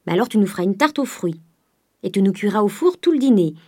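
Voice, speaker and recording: A woman's voice: medium pitch, lively intonation, fast talker, warm tone, natural voice. A woman voicing a stingy old male miser in an audiobook, speaking in a terse, grudging way.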